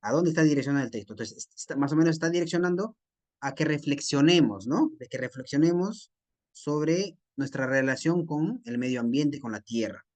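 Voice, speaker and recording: A man with a Peruvian Spanish accent teaching a class, explaining a text slowly and checking in with his students. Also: fairly high pitch, a little mellow. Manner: slow, repetitive teacher talk with frequent tag questions.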